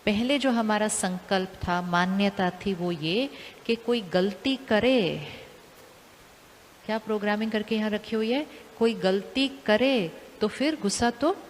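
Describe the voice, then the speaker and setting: Casting: woman, calm spiritual teacher, asks the audience questions again and again, long hall reverb, faint hiss. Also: medium pitch, measured pace.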